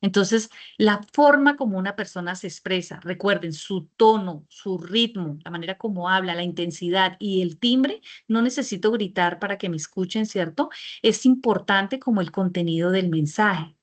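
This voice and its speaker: A woman's voice: mid-range voice, normal speed. A middle-aged woman giving an online class lecture over a video call, explaining step by step and checking in with her listeners through frequent rhetorical questions. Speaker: teacher. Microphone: computer mic on a video call.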